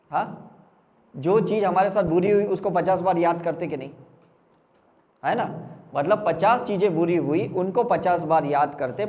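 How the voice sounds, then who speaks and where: A man's voice: high voice, a little mellow, in a large hall. A man from India, a spiritual healer, giving an emphatic motivational talk and firing rhetorical questions at a live audience.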